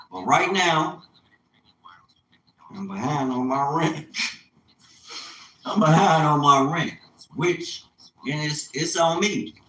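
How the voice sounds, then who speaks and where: Pushed and bright, this man's voice sits on the high side as he livestreams casually; he's in his fifties and runs a small business. He rambles colloquially, repeating phrases for emphasis, with room echo and faint background noise.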